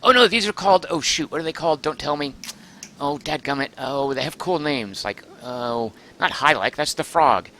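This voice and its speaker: Excitable man chatting through a game stream. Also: on the high side, normal speed. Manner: chatty, excitable, thinks aloud and reads chat. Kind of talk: live gameplay commentary.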